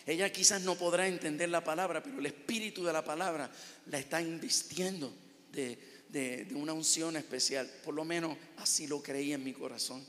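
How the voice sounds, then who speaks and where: A middle-aged man, a pastor, giving an earnest testimony with halting, repeated words. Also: on the high side, a bit bright. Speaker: pastor and businessman. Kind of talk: testimony in a sermon. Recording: long hall reverb.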